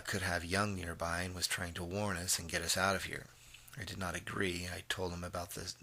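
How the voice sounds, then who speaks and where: A man narrates a first-person story in a deep, flat, steady voice. His tone has a sharp, bright edge. He hesitates with fillers and clears his throat between phrases.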